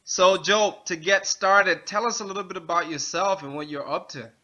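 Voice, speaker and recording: A man hosting a casual author interview, upbeat and quick to laugh. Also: high-pitched, pushed and bright, dull audio. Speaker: interview host.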